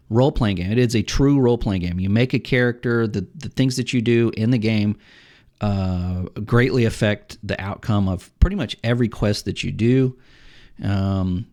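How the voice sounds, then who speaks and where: A middle-aged man co-hosting a casual podcast about video games. He tells long, rambling stories and jumps into lively acted-out quotes of other players. His voice sits at an ordinary middle pitch. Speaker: podcast co-host.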